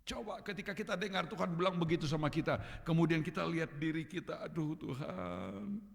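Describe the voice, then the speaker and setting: A man preaching a sermon as a pastor, with a North Sulawesi Indonesian accent, swinging from quiet asides to loud emphatic peaks. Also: on the high side, a little fast, creaky. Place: church. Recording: church hall reverb.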